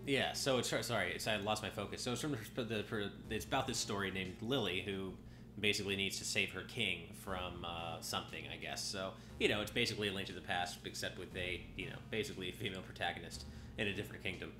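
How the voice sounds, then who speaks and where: Talking fast in a low, steady voice, a man gives casual live commentary while streaming a video game over game music and background noise. He's slightly nasal and often drops sentences midway as the game pulls his attention.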